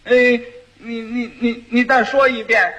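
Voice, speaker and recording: A man's voice: very high voice, flat delivery, a little slow, fairly bright tone, rough recording. A man voicing a clever young bride who scolds and coaches her husband. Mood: instructive. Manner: scolding, instructive.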